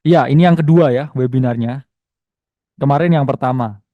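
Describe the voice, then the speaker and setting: In a dry recording with the highs cut off, a young Indonesian-accented trading teacher hosts an online webinar in a mid-range voice at normal speed. His manner is chatty and teasing; he reads the chat aloud and frequently tags sentences with "ya".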